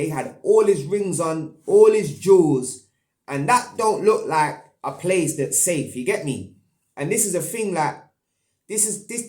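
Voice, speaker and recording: A young man talks in a London roadman accent, his voice a little on the high side. He gives casual online commentary full of street slang and tag questions. The sound is noticeably echoey and roomy. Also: darkish tone. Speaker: host of an online commentary channel.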